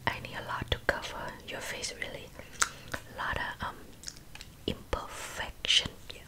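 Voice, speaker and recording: A woman's voice: measured pace, lightly acted. Woman's whispered role-play of a bossy, accented makeup artist. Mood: bossy, dismissive. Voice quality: breathy unvoiced whisper with wet mouth sounds. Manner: scolding, blunt, clipped phrasing. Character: bossy, blunt, insulting female makeup artist.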